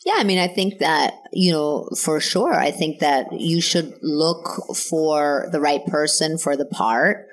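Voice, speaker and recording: A woman's voice: low voice, unhurried, hardly any pauses. A woman, an actor and comedian, chatting casually as a podcast guest, laughing easily and trailing off with ums and restarts. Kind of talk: casual chat. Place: indoor podcast studio.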